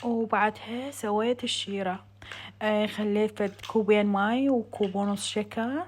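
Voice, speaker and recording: A woman vlogger speaks in a southern Iraqi Arabic accent, at a middling pitch. She narrates her home cooking casually and chattily, addressing her viewers as friends. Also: steady tone, moderate pace, a little hiss or hum. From Iraq. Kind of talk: casual vlog voice-over.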